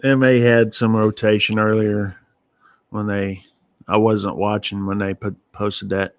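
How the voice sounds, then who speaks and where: A man giving casual live weather radar commentary as an amateur streamer, thinking aloud in short, halting phrases. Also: lowish voice, level tone, dry recording. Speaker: amateur storm-watching livestream host.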